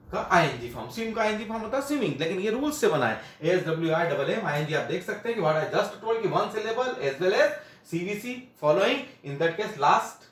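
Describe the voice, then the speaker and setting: A man's voice: sits high, a bit bright, roomy sound. A male teacher explaining grammar at a classroom board. He repeats each point, asks questions and answers them himself, and mixes Hindi with phrases.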